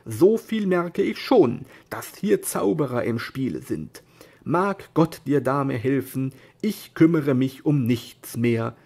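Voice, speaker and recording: A man doing Don Quixote, a pompous shouting knight. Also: medium pitch, very animated, slow, gravelly, slightly rough, exaggerated voice. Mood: grandiose. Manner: declamatory, shouting grandly. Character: lofty deluded old knight, pompous and fiery.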